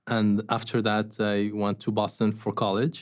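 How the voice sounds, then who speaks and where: A man's voice: fairly low pitch, moderate pace. Moroccan-raised man telling stories casually. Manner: relaxed storytelling with fillers and restarts. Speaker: guest, startup founder. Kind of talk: casual interview conversation.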